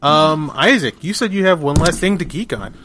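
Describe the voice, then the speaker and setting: A man in his forties hosting a podcast, telling stories in a rambling, animated way with many restarts. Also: fairly high pitch, moderate pace, a little hiss or hum. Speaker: podcast host. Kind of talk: casual chat.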